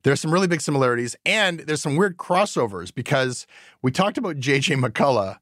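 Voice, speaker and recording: A man's voice: on the high side, animated, a little fast, a bit bright, dry recording, studio quality. A man hosting a podcast, talking casually and rambling with lots of fillers. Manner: rambling, chatty, many fillers. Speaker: podcast host. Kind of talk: casual chat.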